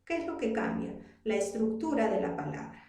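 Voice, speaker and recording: A woman's voice: a little high, big pitch swings, moderate pace, dark tone. A woman teacher from Peru with a Peruvian accent, explaining a lesson patiently and asking her students rhetorical questions. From Arequipa, Peru. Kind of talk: classroom lesson. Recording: very echoey room, voice far from mic.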